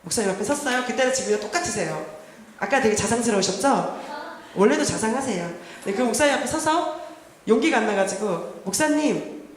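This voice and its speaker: A woman worship leader giving a personal testimony in a church service, telling her story earnestly and often dropping to softer tones. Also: on the high side, animated, quick pace. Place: church sanctuary during a Wednesday service. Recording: echoey church hall, faint background noise.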